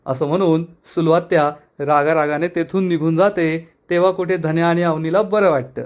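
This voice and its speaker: Higher-voiced man recapping a TV serial. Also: steady tone. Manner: brisk storyteller, quoting characters' lines. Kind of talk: spoken plot recap narration.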